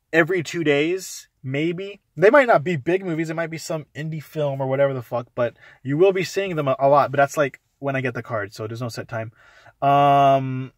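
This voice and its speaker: A man's voice: fairly high pitch, no echo. A young man talking casually in a vlog, reviewing a movie and ranting in a rambling, profane way, full of fillers. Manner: rambling, profane, animated storytelling with lots of "like".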